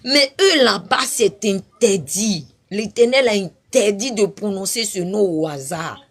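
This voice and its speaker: Woman, husky voice, fervent preaching testimony, repeats and exhorts, sudden cries. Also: mid-range voice, animated, unhurried, fairly bright tone. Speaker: preacher giving a testimony on a live stream. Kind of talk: impassioned spoken testimony.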